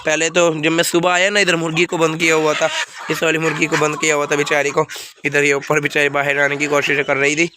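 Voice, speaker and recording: The voice is a little high and a little fast, delivered with no inflection at all: a young man with a Pakistani Urdu accent who feels feverish and unwell. Feeding his birds in a rooftop enclosure outdoors, he rambles plainly to his vlog viewers while chickens and birds cluck in the noisy background.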